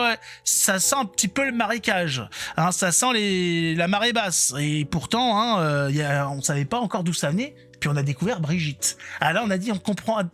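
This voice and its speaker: A man's voice: sits high, a bit bright. A man giving informal political reaction commentary online, colloquial and sarcastic, with a mocking way of talking.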